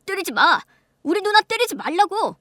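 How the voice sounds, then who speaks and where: A woman's voice: extremely high pitch, very animated, moderate pace, a bit bright, no echo, clean studio sound, voice pushed up, full character voice. Woman voicing a defensive younger brother. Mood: shouting. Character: young man in his mid-twenties, the younger son, protective of his sister.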